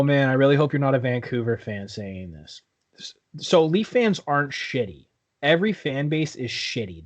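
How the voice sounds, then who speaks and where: A Canadian man with a mid-range voice co-hosts a laid-back sports podcast. He talks loosely and conversationally, gives blunt opinions, swears a lot, and keeps saying "like."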